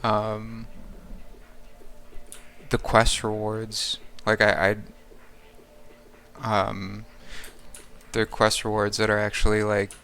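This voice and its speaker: Guy streaming a game and just rambling, low creaky voice, talks real slow. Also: monotone, fairly bright tone, a little hiss or hum. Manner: rambling, thinking aloud with many fillers. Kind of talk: casual live-stream commentary while playing.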